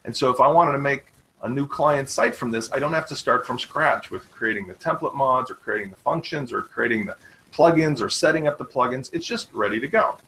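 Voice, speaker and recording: A man hosting a live web tutorial, talking fast and eagerly in an informal sales manner while demonstrating software. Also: mid-range voice, vocal fry, a little hiss or hum, low-quality recording. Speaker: webinar host.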